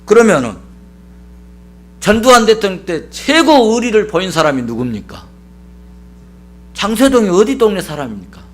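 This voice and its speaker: A male pastor delivers a sermon in a high voice that swoops up and down with lively emphasis. He presses his points through repetition and rhetorical questions. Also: moderate pace, long pauses.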